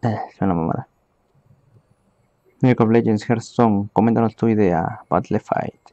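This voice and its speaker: A man calling a live esports match from home, giving hurried play-by-play and talking to his viewers. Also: on the low side, mellow, no echo, dull audio. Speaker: esports caster. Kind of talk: live game commentary.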